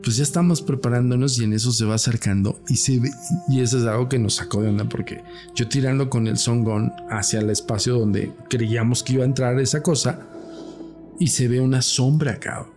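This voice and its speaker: A man's voice: mid-range voice, fairly quick, faint music behind. A man with a Mexican accent, a podcast guest telling his story in slangy, profane casual chat. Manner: slangy, profane, animated retelling. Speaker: podcast guest, paranormal investigator.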